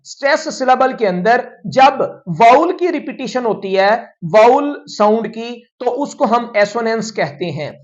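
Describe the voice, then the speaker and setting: A male English teacher going through a poem line by line, explaining each example in a steady, methodical way and slowing down for definitions. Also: sits high, lo-fi sound. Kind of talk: line-by-line poem analysis lesson.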